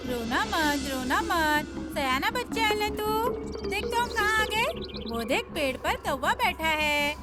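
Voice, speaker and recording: An actress playing a gentle young woman who soothes a crying baby in soft, coaxing, singsong baby talk in a TV serial, with loud score music behind. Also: extremely high pitch, lively intonation, takes it slowly, full character voice. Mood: soothing. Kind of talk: TV serial acting.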